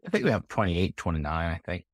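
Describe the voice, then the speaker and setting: A man from Guyana answering interview questions as a guest entrepreneur, relaxed and easygoing. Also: deep voice, fast talker, dry recording, studio quality. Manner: relaxed, repeats "right?" and laughs easily.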